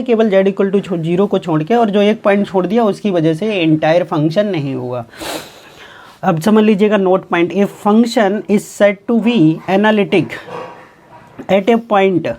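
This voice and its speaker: A male maths teacher with a warm, mellow tone gives a recorded exam-prep lecture. He keeps firing little questions at his students and answering them himself. When he reads out a formal definition, he slows to a careful word-by-word pace. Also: sits high. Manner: asks and answers its own quick questions; repeats key points, often says "ठीक है". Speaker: mathematics teacher.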